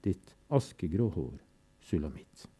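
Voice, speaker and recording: A man reading poems aloud slowly and solemnly, with long pauses, and adding brief comments between them. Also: sits low, big pitch swings, mellow, slight background noise. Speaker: poetry reader and commentator.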